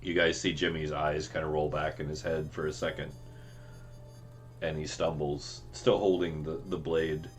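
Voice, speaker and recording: A man running a tabletop game as game master, narrating scenes in a slow, dramatic way. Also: rumbling low, flat delivery, soft background music.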